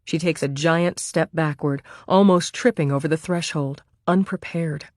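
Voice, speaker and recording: A woman with a notably low voice reads a thriller audiobook in calm, measured narration. The recording is dry and close, with no room sound at all. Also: no echo. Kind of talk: scripted narration.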